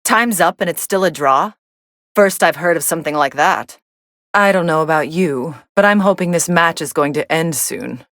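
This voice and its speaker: Video game fight commentator: aloof young female android, lowish voice, sardonic deadpan delivery, very dry studio sound. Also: moderate pace, dry recording. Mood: cool, unimpressed.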